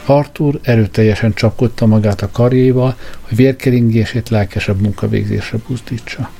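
A man reading a story aloud as narrator, in a measured storytelling manner. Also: fairly low pitch, gravelly, mellow. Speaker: audiobook narrator. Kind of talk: scripted narration. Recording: faint background music.

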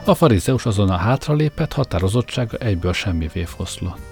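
A man with a low voice narrates an audiobook in the first person. His delivery is wry and comic, with the dry timing of a storyteller. Soft music plays faintly under him. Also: lively intonation.

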